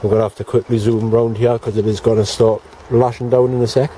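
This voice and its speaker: Walking round his allotment with a self-held camera, a middle-aged man talks fast and flatly to his viewers in a chatty, plain-spoken way. His voice is medium-pitched and dark, with slight background noise in this casual walk-and-talk vlog.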